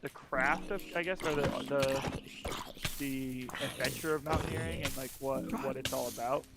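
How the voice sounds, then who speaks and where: A man's voice: mid-range voice, steady tone, moderate pace, over loud music. A young man co-hosting a stream, rambling in casual chat with lots of fillers and restarts, his voice cracking now and then. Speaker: stream co-host.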